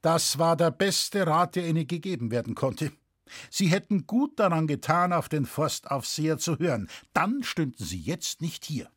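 A stern, proper judge questions a witness in formal, measured sentences, as a male reader plays him. The voice moves with lively pitch and a husky grain, recorded dry. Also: dry recording.

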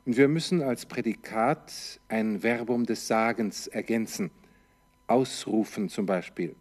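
A man's voice: fairly low pitch, a little slow, a little mellow. A man teaching a Latin translation lesson, parsing each word step by step and asking himself questions before answering them. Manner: parses grammar line by line.

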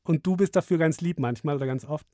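A low-voiced woman hosts a children's call-in show on radio. She chats with young callers in an encouraging way, and her studio microphone sounds dry and close. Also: fast talker, mellow, no room sound.

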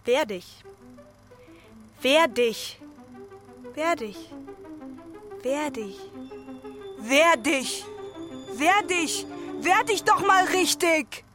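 A woman's voice: fairly high pitch, measured pace, pauses often, fairly bright tone, soft background music. A woman playing a desperate, insistent woman. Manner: insistent, repetitive. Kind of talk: stage monologue.

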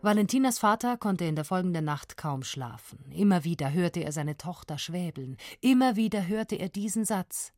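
A woman narrating a story in an expressive, lively storytelling voice. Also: fairly low pitch, moderate pace, few pauses, soft background music.

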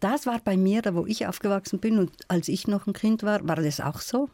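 A middle-aged woman from South Tyrol, a folklorist with a South Tyrolean accent, appears as a guest on a radio interview. Her medium-pitched, mellow voice unfolds in a thoughtful, measured storytelling manner, captured in a dry recording.

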